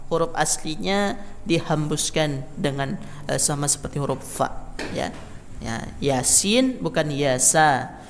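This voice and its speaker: A man's voice: a little high, fairly bright tone, in a large hall. A man teaching a Quran recitation class in a mosque, counting the group in and demonstrating how letters are read. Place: mosque hall. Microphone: microphone in a hall.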